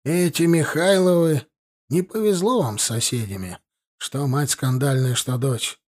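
A man's voice: a little high, measured pace, darkish tone. A man playing a defensive, muttering village homeowner in his sixties, grumbling about his neighbours.

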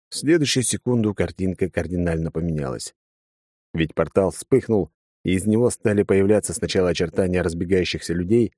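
A man's voice: deep voice, mellow, no room sound. A man narrating a first-person fantasy audiobook with wry, dry asides.

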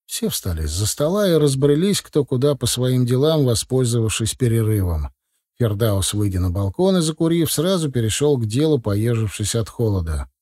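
Man, first-person audiobook narrator, mellow tone, steady conversational reading, dry close sound. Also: mid-range voice, normal speed, dry recording.

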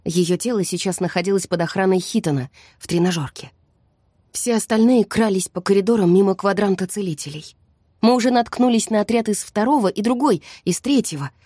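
A woman narrating a fantasy audiobook in the first person, in a tense, hushed storytelling manner. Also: mid-range voice, no room sound, studio quality. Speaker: audiobook reader.

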